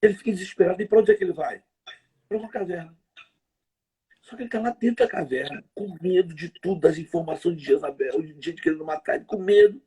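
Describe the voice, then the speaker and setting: A man preaching conversationally on a livestream, telling stories in a lively, slangy way. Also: sits high, husky. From Rio de Janeiro. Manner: lively storytelling, slangy, quick asides.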